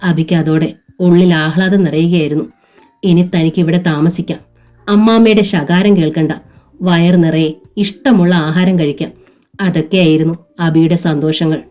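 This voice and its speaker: A woman narrating a serialized novel in a steady, emotive storytelling manner. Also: fairly low pitch, normal speed. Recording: dull lo-fi with faint music.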